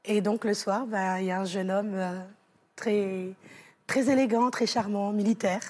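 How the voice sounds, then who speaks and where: A woman's voice: medium pitch, fairly even intonation, unhurried, darkish tone. A woman from France, a talk show guest, telling an emotional personal story, rambling with fillers and restarts. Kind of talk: studio interview, personal story. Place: TV studio set.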